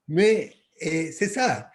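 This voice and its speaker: At a church workshop, a man with a Latin American Spanish accent reflects in halting, non-native French, hunting for words and repeating himself. His pitch is fairly high and swings widely.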